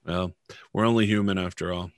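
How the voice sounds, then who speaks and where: A fairly low-voiced male podcast host who teases his co-host and runs the show's housekeeping. His voice is close and dry on the mic. He keeps a loose, playful manner throughout. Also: fairly even intonation, dry recording. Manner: playful, quick to tease, wraps up the show. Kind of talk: casual podcast banter.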